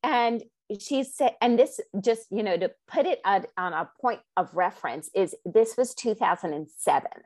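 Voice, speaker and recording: A woman's voice: normal speed, hardly any pauses, no echo. A middle-aged woman telling her story in an interview, rambling with asides and acting out the quoted dialogue. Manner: animated, acts out quoted dialogue with big pitch jumps. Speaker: guest.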